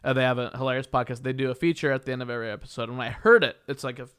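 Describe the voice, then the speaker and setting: A man's voice: mid-range voice, rapid-fire, fairly bright tone, clear, resonant tone. A man hosting a comedy podcast, chatting casually and rambling while explaining a game. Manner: rambling, restarts, laughs often. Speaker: podcast host.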